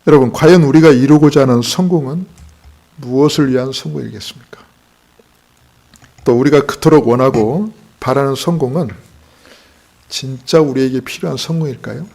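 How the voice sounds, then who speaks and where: A man preaching a Sunday morning sermon in a gravelly, fry-edged voice at a middle pitch. He puts rhetorical questions to his congregation and slips in joking stories along the way. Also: moderate pace, pauses often, dark tone. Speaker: pastor.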